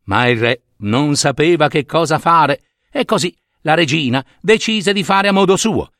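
A man telling a fairy tale, animated and talking to his listeners with little asides. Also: on the high side, normal speed, no echo, studio quality. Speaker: storyteller.

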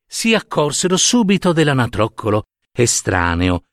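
A man reading a fairy tale aloud, in an expressive storytelling manner. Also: medium pitch, moderate pace, no echo, studio quality.

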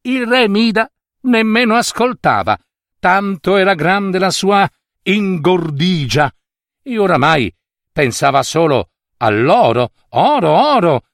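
A man narrating a story in an expressive way, speaking directly to his listeners. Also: high voice, slow, dry recording, studio quality.

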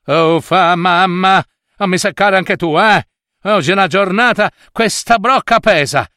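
A man's voice: high voice, very animated, unhurried, pushed and bright, no echo, studio quality, pitched above the performer's own voice, exaggerated voice. A man doing a whiny, spoiled girl. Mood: sulky. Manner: whiny and sulky.

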